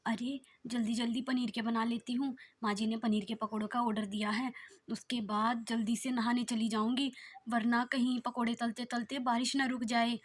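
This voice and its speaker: A woman doing an excitable young bride, high and bright. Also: moderate pace, lightly acted. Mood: hurried. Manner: bright, eager, exclaiming.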